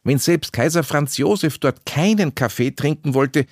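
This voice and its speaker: A man's voice: on the high side, lively intonation, normal speed, no room sound, studio quality, voice pushed up. A man reading a story, voicing a pedantic older male historian who lectures disapprovingly.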